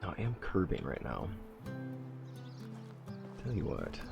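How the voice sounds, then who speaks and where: Gravelly and rumbling low, this man's voice swoops wildly in pitch while he keeps a measured pace over music. He is a let's play host with a cold-stuffed nose, casually commenting on gameplay and thinking aloud as he reworks his plans.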